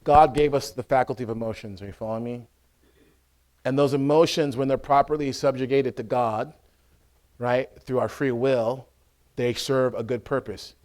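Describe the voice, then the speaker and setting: Male priest, mid pitch, conversational teaching talk, keeps asking if you follow, bursts into acted-out shouting. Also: steady tone, normal speed. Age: adult with a school-age son. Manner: checks in with listeners, acts out scenes loudly. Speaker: Orthodox priest giving a talk.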